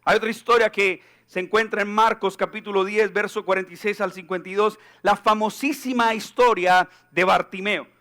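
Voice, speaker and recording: A man preaching a sermon as pastor in a church, animated and joking, acting out the people he quotes. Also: sits high, moderate pace, few pauses.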